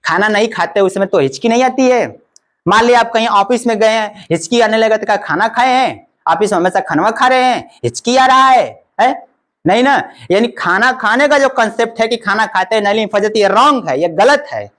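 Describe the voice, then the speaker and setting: A man's voice: high-pitched, fairly quick, a bit bright. A male teacher explains a lesson over a diagram, asking questions and answering them himself with much repetition.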